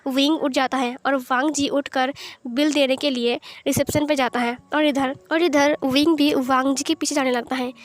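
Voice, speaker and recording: A woman's voice: high voice, steady tone, normal speed. A woman storyteller narrating a fan fiction story in a plain, conversational reading style.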